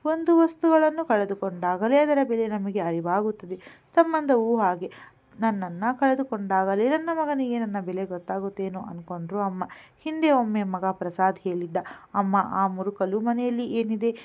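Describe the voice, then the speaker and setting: A woman's voice: medium pitch, normal speed, lo-fi sound. Woman narrating an emotional story. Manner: steady, emotional reading.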